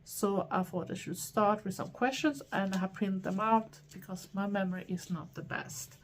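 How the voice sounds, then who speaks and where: A middle-aged woman from Sweden with a Swedish accent, talking in a chatty, rambling way with frequent pauses. She answers viewer questions for her own channel. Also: mid-range voice, steady tone. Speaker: vlogger. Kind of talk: casual Q&A chat to camera.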